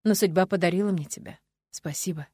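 A woman voicing a calm, tender dragon lord. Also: fairly low pitch, brisk, breathy edge, no echo, clean studio sound. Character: confident dragon lord, tender toward his beloved.

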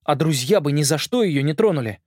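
A man's voice: a little high, animated, brisk, a little mellow, dry recording, studio quality, voice pushed up. A male reader voicing a bold, stubborn twelve-year-old boy who argues with adults. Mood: urgent.

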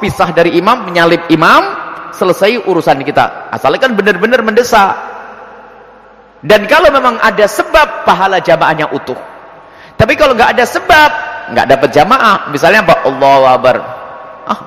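Guy preaching in a big echoey hall, swoops his pitch all over acting stuff out. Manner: lively, acts out scenes with swooping pitch. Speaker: Islamic preacher answering questions. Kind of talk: religious Q&A talk to a congregation. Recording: long hall reverb.

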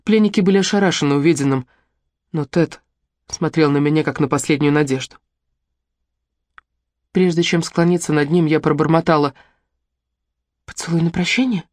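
Measured audiobook narrator, dry close sound. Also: medium pitch, no room sound. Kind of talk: first-person novel narration.

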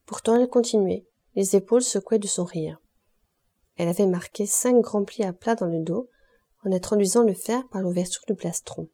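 A woman reading a classic novel aloud in steady, measured narration. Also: medium pitch. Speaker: audiobook reader. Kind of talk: scripted literary narration.

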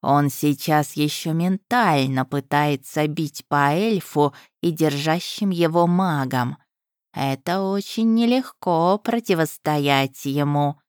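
A woman voicing a sensible male talking cat who speaks softly and unhurriedly. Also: low-pitched, no echo, studio quality. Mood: calm. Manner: soft, unhurried, reassuring.

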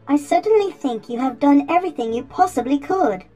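A man's voice: very high-pitched, expressive, a little fast, dark tone, lo-fi sound, faint music behind, pitched above the performer's own voice. A man narrating a story who voices an anxious, fussy male butler robot with a prim, worried, formal way of talking. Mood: fretful. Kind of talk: audiobook character voice.

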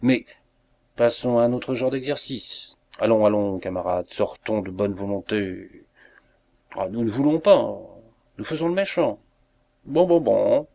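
Man as a jocular sergeant barking orders, low voice, storybook. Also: expressive, unhurried, gravelly, warm tone. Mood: commanding. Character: jovial, bossy male patrol sergeant.

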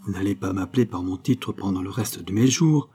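A man's voice: low-pitched, brisk, mellow, husky. A man voicing an impetuous, sulky young nobleman who exclaims petulantly, read in an audiobook. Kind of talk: audiobook character reading.

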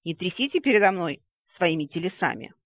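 Brief: a reader as a petite sarcastic young woman, animated banter, slightly dull sound. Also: medium pitch, fairly quick, dry recording. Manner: snarky, teasing banter. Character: cheeky young woman, sharp-tongued and sarcastic. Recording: dry, slightly dull recording.

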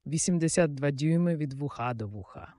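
A hearty old country knight who blusters and booms out his exclamations, proud of his household, in a storybook reading, with a man doing the voice. The voice sits fairly high and the recording is dry and close. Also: lively intonation, brisk, dark tone, no room sound, close to an everyday voice. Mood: delighted. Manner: booming exclamations.

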